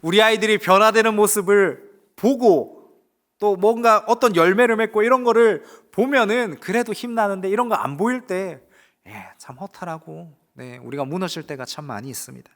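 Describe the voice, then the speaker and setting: A man pastor delivering a sermon, swinging between loud rising exclamations and hushed asides, putting rhetorical questions to the congregation. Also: high voice, normal speed. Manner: emphatic preaching with rising exclamations and quiet asides.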